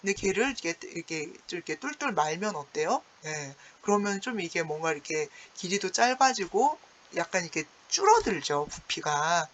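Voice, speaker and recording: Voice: medium pitch, very animated, moderate pace, hardly any pauses, fairly bright tone, slight background noise. A teacher giving an online class on classical poetry, chatty and explanatory, peppering the talk with fillers and acting out lines with sighs and chuckles.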